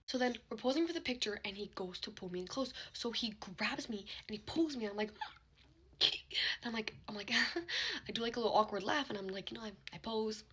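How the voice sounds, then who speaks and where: A young woman telling a casual storytime in a hushed, half-whispered voice, acting out what people said. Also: fairly high pitch, brisk, a little hiss or hum.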